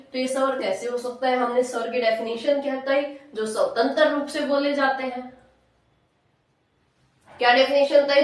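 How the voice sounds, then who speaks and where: Female Hindi teacher, high voice, questions the class then answers herself; far from the mic in an echoey room. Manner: drawn-out syllables, repeats points. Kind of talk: classroom grammar lesson.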